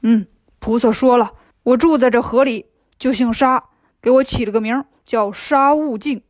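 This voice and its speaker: A woman's voice: on the high side, normal speed, dry recording, clean studio sound, lightly acted. A woman voicing a river demon turned humble male monk disciple in a storybook reading, polite and eager to please.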